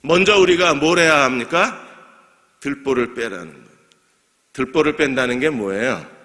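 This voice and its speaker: During a midweek service in a church sanctuary with long reverb, a male pastor speaks in a sharp, mid-range voice with lively intonation at a moderate pace. He asks questions, answers them on his own, and jokes lightly with the congregation, laughing together.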